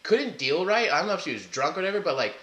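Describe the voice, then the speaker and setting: A man co-hosting a podcast, telling stories in a casual, laughing, animated way. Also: sits high, fast, roomy sound. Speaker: podcast co-host. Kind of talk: casual storytelling chat.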